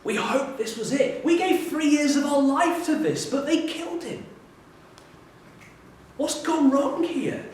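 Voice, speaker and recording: Man voicing a high, strained, despairing male disciple, booming hall, distant mic. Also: lively intonation, measured pace, pauses often, darkish tone, slight background noise. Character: exasperated grieving male disciple, agitated. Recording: roomy echo from a distant mic.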